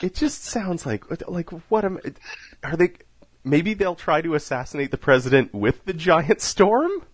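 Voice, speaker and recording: A man's voice: on the high side, unhurried, breathy edge, no room sound. Guy hosting a movie podcast, voice jumps all over, laughs a lot, dry close sound. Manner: animated, laughs often, joking asides. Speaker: podcast host. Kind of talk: casual film podcast chat.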